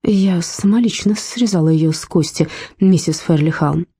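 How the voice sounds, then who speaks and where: A woman's voice: fairly low pitch, moderate pace, warm tone, husky. A woman voicing an anxious, polite middle-aged mother in a read-aloud story, speaking in a soothing, placating way.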